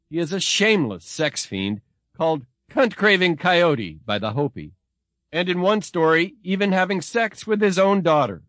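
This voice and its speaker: A man giving a measured, expressive scripted narration as a narrator. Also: fairly high pitch, dry recording.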